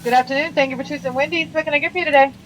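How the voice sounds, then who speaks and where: Brisk woman on a drive-thru speaker. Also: high voice, fairly even intonation, fairly bright tone, slight background noise. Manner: brisk and polite. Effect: heard through a drive-thru speaker. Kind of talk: scripted customer service greeting.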